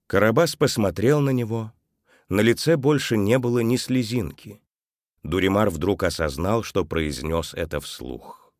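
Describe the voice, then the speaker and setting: A man narrating a children's story audiobook in a calm, even manner. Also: fairly low pitch, measured pace, no room sound, clean studio sound.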